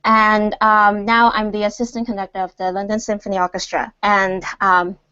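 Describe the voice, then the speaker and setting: A woman from Hong Kong, a guest on a video call panel, who speaks carefully and hesitantly, with many pauses. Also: mid-range voice, flat delivery, sharp tone, smooth, no echo. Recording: dry, muffled video call audio.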